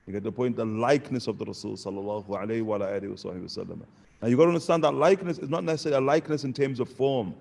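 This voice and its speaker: A man, teaching in a relaxed question-and-answer lesson and dropping Arabic phrases between points. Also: medium pitch, racing, vocal fry. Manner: conversational, sprinkles Arabic phrases, asks "you get the point?". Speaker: religious teacher.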